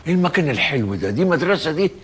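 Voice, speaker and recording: A lively, bumbling Egyptian father. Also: a little high, racing, husky. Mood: amazed. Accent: Egyptian Arabic. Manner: excited, bumbling. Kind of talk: comedy sketch acting.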